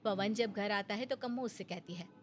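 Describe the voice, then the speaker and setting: A woman narrating a storybook tale in a steady, plain manner. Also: medium pitch, normal speed, slight background noise.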